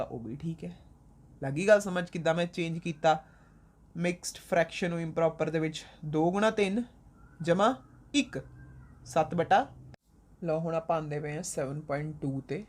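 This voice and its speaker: A woman's voice: low-pitched, a little mellow. Patient teacher quizzing her class. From Punjab, India. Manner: asks questions then answers them herself, patient and repetitive; mixes English math terms into her talk. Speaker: school math teacher. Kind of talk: classroom math lesson.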